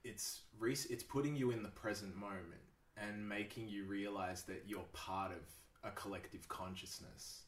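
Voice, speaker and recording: Male podcast guest, very low voice, relaxed and profane, laughs a lot, echoey room, sits back from the mic. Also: normal speed, hardly any pauses, recorded from a distance. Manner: laid-back, swears a lot, laughs often. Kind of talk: casual chat.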